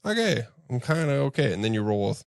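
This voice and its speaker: A man's voice: medium pitch, brisk, vocal fry, no room sound, studio quality. A man co-hosting a podcast, a martial arts coach who tells stories casually, acting out what people said and swearing loosely. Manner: animated storyteller, acts out quoted voices, swears casually. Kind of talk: casual storytelling chat.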